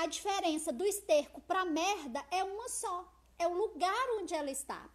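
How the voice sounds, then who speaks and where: A Brazilian woman with a Brazilian accent, talking loudly and expressively to viewers on a phone live stream. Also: extremely high pitch. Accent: Brazilian Portuguese. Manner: loud, forceful, expressive, chatty, reads out viewer comments. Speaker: social media live host. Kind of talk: casual live-stream talk.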